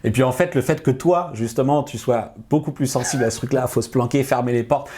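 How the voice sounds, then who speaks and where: Relaxed host, mellow voice. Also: male voice, medium pitch, fairly quick. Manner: chatty, agreeable, frequent ouais. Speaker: tech show host. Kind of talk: casual tech chat.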